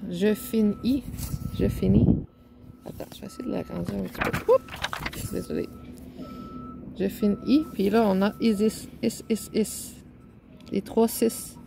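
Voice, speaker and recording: A woman's voice: a little high, creaky, warm tone, slight background noise. A woman with a Québécois French accent, talking casually and musing aloud as she shows pages of a book, rambling and hesitant, playing on words.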